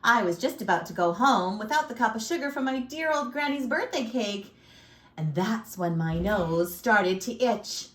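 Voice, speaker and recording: A woman reads a storybook aloud in an echoey room, voicing a chatty, self-pitying male wolf who gives his own side of the tale. Her voice is fairly high, animated and at normal speed, sounding natural. The wolf comes across as sly and aggrieved, with folksy, theatrical flair and exaggerated sneezes.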